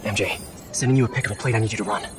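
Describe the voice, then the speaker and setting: A man's voice: fairly low pitch, rapid-fire, over music, close to an everyday voice. An American man voicing a young wisecracking superhero in a video game, chatty and rambling, often interrupting himself. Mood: focused. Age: young adult. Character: young wisecracking male superhero, earnest and flustered.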